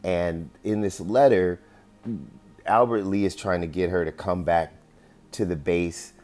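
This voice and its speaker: A man's voice: low voice, measured pace, a little mellow. A man casually presenting his investigation to viewers, rambling with many fillers and often asking "right?". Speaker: amateur investigator presenting findings. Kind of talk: casual screen-share presentation.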